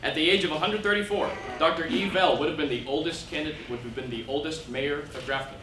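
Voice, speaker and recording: An actor playing a wry debate moderator with a dry, announcer-like delivery in a staged comedy reading. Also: male voice, on the high side, fast talker, lightly acted. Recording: echoey stage, distant mic, loud noise.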